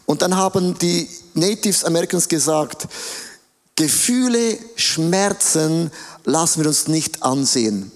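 A man preaching an animated sermon in a church hall, his voice pitched high. He slows down and stretches key words for emphasis and acts out the voices he quotes. A long reverb trails after each phrase.

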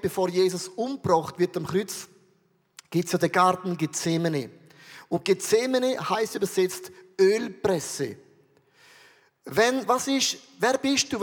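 A man's voice: high voice, big-room sound. A man preaching a sermon in a Swiss German accent, earnestly putting questions straight to his listeners. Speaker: pastor.

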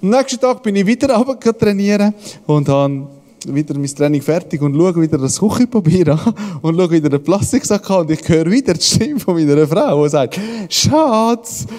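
A pastor with a slightly high, warm voice gives a casual devotional talk full of everyday stories. He chuckles often and acts out voices, and the recording has a long reverb tail.

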